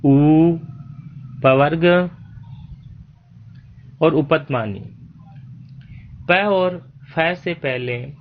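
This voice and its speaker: A man teaching a Sanskrit grammar lesson, speaking deliberately and spelling out sounds one by one. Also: on the high side, muffled recording. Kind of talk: slow spoken grammar lesson.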